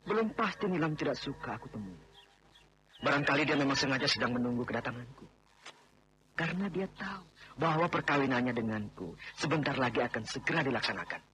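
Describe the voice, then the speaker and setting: A man's voice: medium pitch, lively intonation, fast talker, background noise, close to an everyday voice. An actor playing a domineering man who insists on marrying a woman he wronged, in a 1980s radio drama. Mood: angry. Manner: insistent, overbearing, then remorseful.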